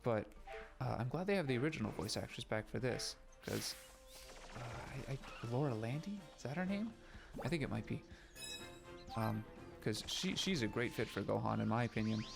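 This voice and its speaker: Game music runs beneath casual let's-play chatter from a Canadian man whose gravelly, mid-range voice carries a slight New York-like accent. He is animated and moderately paced, rambling self-awarely with filler restarts into a laptop mic turned down low.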